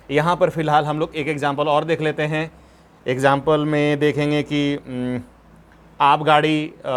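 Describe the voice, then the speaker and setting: A man whose voice is a little high and fairly bright teaches a grammar lesson, explaining step by step. He patiently dictates examples word by word and asks his students questions.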